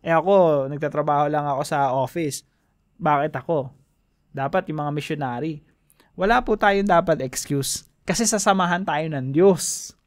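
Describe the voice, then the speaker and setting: A man from the Philippines giving a casual devotional talk, animated and chuckling between points, switching between Tagalog and English. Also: a little high, moderate pace, long pauses, no echo, clean studio sound. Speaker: devotion preacher.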